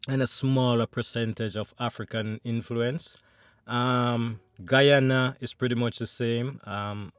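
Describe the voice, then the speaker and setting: A man's voice: mid-range voice, no echo. A Jamaican man chatting to viewers between bites in a mukbang eating vlog at home. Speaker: food vlogger.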